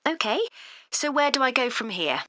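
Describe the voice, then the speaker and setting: A woman's voice: high voice, normal speed, dry recording, clean studio sound, exaggerated voice. An upbeat young mother job seeker. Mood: friendly. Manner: friendly, lively questions. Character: young mother seeking receptionist work, practical and upbeat. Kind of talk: scripted exam dialogue.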